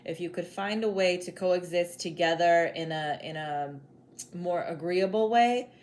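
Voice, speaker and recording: A woman's voice: fairly low pitch, a little slow, darkish tone, slight background noise. A woman doing a casual tarot reading as a psychic medium, chatty and blunt, circling back to the same advice and sometimes swearing. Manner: chatty, repetitive, peppered with "like" and "spirit is like".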